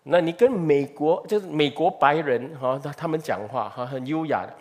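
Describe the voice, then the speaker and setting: A man's voice: on the high side, normal speed. A man preaching a sermon, explaining a scripture passage and often asking his listeners "right?". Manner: lively, asks the audience "right?" often.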